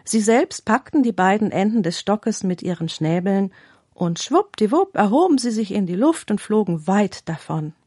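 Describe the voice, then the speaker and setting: A woman presenting a radio talk and reading a parable in a calm, clear, formal manner. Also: medium pitch, moderate pace, dry recording, clean studio sound. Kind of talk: scripted storytelling reading.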